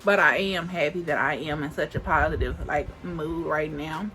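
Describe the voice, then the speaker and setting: Her voice sits low with a slight brightness, and she speaks at a moderate pace. This twenty-something beauty vlogger chats casually while doing her makeup, rambling, restarting sentences, and leaning on "like" as she thinks aloud.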